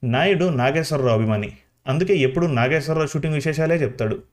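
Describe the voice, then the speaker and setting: A man narrating a scripted village story in a calm, even storytelling manner. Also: a little high, fast.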